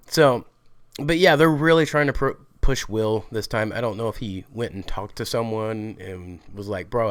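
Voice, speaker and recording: A man's voice: fairly low pitch, no echo. A man who is sick, ranting bluntly and casually about a show as a vlog host, swearing freely. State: sick, rough voice. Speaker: vlogger host.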